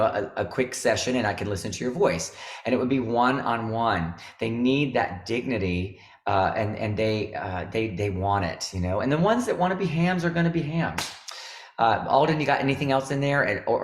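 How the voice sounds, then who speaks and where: A man in his fifties with a low voice hosts a video call and chats about teaching. He rambles, loading his sentences with fillers and asides. His audio sounds roomy, as if picked up in an echoing room. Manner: rambling, chatty, many fillers. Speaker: host, veteran music teacher. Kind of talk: casual video-call chat.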